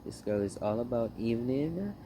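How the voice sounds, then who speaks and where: A man's voice: mid-range voice, lively intonation, normal speed. A man with a Jamaican accent giving a casual commentary. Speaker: friend doing a makeup voice-over. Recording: clear background ambient noise.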